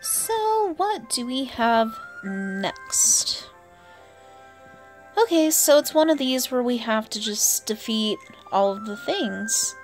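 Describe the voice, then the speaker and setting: Speaking slowly in a sing-song, slightly high voice, an American woman from the East Coast gives weary, chatty commentary as she plays a game for her video. Video game music runs beneath her voice.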